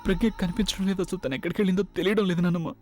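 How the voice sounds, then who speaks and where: A man's voice: high voice, fairly even intonation, darkish tone, faint music behind, lightly acted. A man dubbing a tearful, despairing young man in a TV serial, speaking in broken phrases. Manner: broken, halting. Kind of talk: dubbed TV serial drama.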